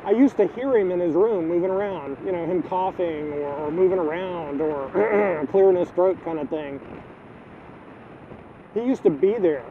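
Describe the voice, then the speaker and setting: A middle-aged man in a personal video diary, halting and repeating words, choked up with grief. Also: sits high, sing-song. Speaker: vlogger. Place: outdoors, filming the neighborhood. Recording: tinny phone-like audio, faint wind noise.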